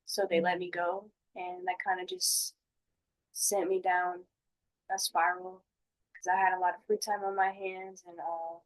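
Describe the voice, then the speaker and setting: A woman playing a dejected client who has lost job and home, confiding haltingly in a mock counseling session. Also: on the low side, level tone, lightly acted, rough recording. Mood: downcast. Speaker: client in a role play.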